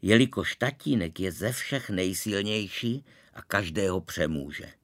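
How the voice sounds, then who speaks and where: Storybook narrator, male, expressive and animated reading. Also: deep voice, dry recording, clean studio sound. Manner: lively, expressive.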